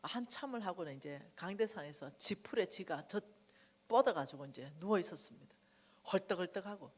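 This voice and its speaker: A woman's voice: on the low side, brisk. A middle-aged woman giving a testimony sermon at a revival meeting, telling her story vividly. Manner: animated storytelling, acting out quotes loudly. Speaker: guest speaker at a church revival meeting. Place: church sanctuary. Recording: church hall reverb.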